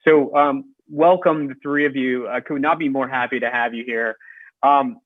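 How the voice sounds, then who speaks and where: A man moderating a conference panel, introducing the guests in a halting way. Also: mid-range voice, steady tone, no room sound. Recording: tinny phone-like dry audio.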